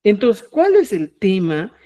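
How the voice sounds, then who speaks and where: A man leads a live language lesson in a dark, mellow voice. He explains rules patiently and repeats example words slowly, syllable by syllable. He keeps checking that his listeners follow. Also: high-pitched, huge pitch swings. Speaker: Quechua language teacher. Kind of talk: live online class for teachers.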